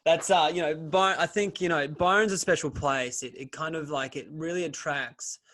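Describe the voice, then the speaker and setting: A man's voice: on the high side, steady tone, normal speed, a bit bright, slight background noise. A man hosting a casual interview, easygoing and encouraging, phrasing questions hesitantly with fillers. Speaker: podcast host.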